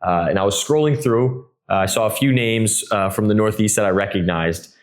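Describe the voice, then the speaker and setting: Hosting his podcast, a young man in his twenties sounds laid-back and friendly, with frequent "uh" fillers. His voice is lowish and his pace runs a little fast.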